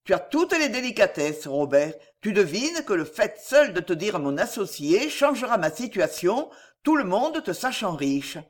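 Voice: medium pitch, sing-song, moderate pace. A reader voicing Philippe, an earnest, formal factory owner close to ruin, in an audiobook reading.

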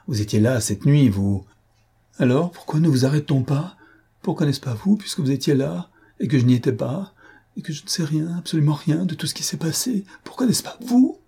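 A man's voice: expressive, moderate pace, warm tone, husky. Man putting on a frantic accused woman. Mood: accusing fury. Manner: shrill pleading outbursts, sobbing protests.

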